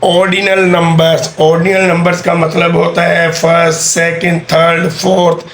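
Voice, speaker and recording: Slow-paced teacher with a high, flat voice. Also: male voice. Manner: slow, patient, repeats key words. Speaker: English teacher. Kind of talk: explaining a grammar lesson. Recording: echoey room with faint background hum.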